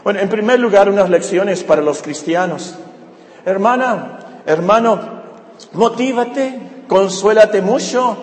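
A man preaching a sermon to a congregation, animated and often asking them questions. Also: sits high. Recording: echoey hall with long reverb.

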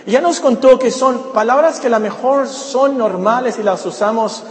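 A man's voice: extremely high pitch, normal speed. A man preaching a sermon as pastor, emphatic and repeating his key words. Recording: roomy echoey hall with faint ambience.

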